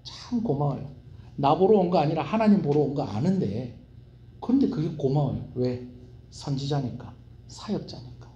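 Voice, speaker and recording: Animated pastor preaching. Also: male voice, on the high side, normal speed, lo-fi sound. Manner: animated, asks the congregation questions. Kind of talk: Wednesday evening sermon. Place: church sanctuary. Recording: roomy church hall echo.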